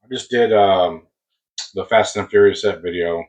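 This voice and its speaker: An American man rambling casually as he hosts a hobby unboxing video, husky, on a close mic that sounds boomy and muffled, like inside a submarine. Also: normal speed, a little mellow. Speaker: host of a diecast car collecting channel. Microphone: new mic placed very close.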